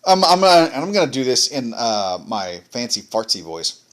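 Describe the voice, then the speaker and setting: A man's voice: mid-range voice, very animated, moderate pace, fairly bright tone. A man giving a casual commentary rant, joking and often restarting his phrases. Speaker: commentary vlogger.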